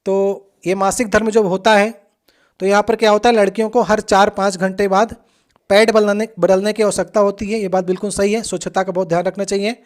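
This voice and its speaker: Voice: mid-range voice, level tone, a little fast. A coaching teacher patiently talking through past exam questions, addressing the students directly and often checking in with them.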